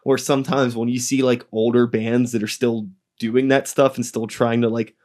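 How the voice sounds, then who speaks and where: A man's voice: medium pitch, flat delivery, moderate pace, darkish tone. Laid-back man in his thirties. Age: 30s. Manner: laid-back, swears casually, lots of "like". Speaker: podcast host. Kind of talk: casual chat.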